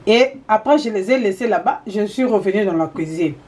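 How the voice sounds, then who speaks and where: A woman's voice: medium pitch, lively intonation, a little fast, darkish tone. A woman telling a personal anecdote in a casual way, with many hesitations and repeated words, now and then slipping into English phrases. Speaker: storyteller addressing viewers.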